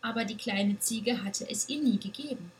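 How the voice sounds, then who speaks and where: A woman reading a children's story aloud with a gentle, expressive manner. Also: mid-range voice, normal speed, a little hiss or hum, rough recording.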